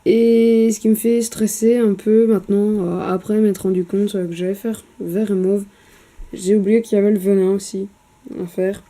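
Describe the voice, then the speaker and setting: A woman with a very dark, mellow voice chats her way through painting a miniature for a casual vlog, hesitant, full of fillers, and swearing casually. She speaks at medium pitch with a level tone and normal speed, picked up by a camera mic at her home painting desk.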